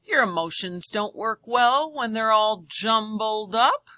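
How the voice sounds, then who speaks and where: A woman voicing a caring little girl who guides a muddled monster friend in a picture book, expressive and sing-song. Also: a little high, slow, no echo, pitched above the performer's own voice. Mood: bright, helpful. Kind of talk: children's picture book read-aloud.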